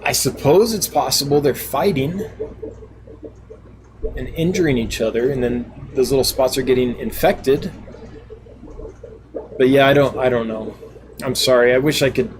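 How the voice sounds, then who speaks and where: A man's voice: mid-range voice, normal speed, long pauses, background noise. A man hosting a casual live stream, reading out viewer comments and answering them in a chatty, laughing, self-deprecating way. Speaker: live stream host and fish seller.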